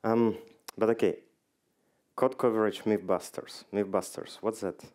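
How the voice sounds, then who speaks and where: A man's voice: fairly low pitch, steady tone, measured pace, a little mellow. A man giving a conference talk, joking dryly and quizzing the audience. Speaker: conference speaker. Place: conference hall stage.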